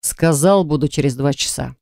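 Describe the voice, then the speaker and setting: Woman doing a gruff, tense husband. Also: on the high side, normal speed, a little mellow, no room sound, clean studio sound, pitched below the performer's own voice. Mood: pleading. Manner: growling, strained.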